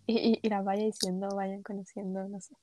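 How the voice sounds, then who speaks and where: A woman's voice: medium pitch, little pitch movement, fairly quick, dark tone. A young woman with a Chilean accent, co-hosting a casual podcast, hesitant and self-deprecating, with many fillers. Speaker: podcast co-host.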